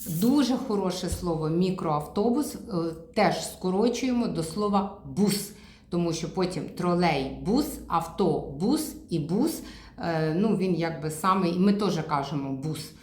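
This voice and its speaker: A woman speech therapist giving a teaching demonstration, spelling words out slowly and emphatically. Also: fairly low pitch, lively intonation, a little mellow, reverberant.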